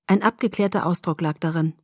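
A woman narrating a first-person story as an audiobook reader, with expressive scripted delivery. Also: lowish voice, fairly quick, no room sound, studio quality.

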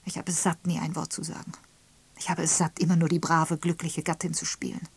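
A woman reading an audiobook, voicing a bitter middle-aged wife who speaks with sharp, cutting emphasis. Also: fairly low pitch, steady tone, normal speed, breathy edge, dry recording.

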